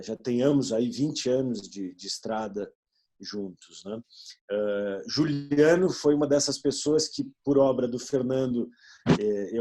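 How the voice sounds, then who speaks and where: Man, 40s, from Rio Grande do Sul, business partner, halting with fillers, husky, mellow. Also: mid-range voice. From Rio Grande do Sul, Brazil. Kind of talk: video meeting talk.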